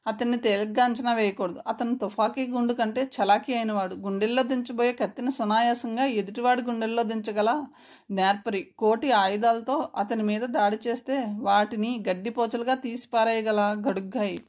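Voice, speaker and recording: A woman's voice: fairly high pitch, fairly even intonation, normal speed, close to an everyday voice. A woman voicing a young adult man, a crime boss's son, giving earnest warnings.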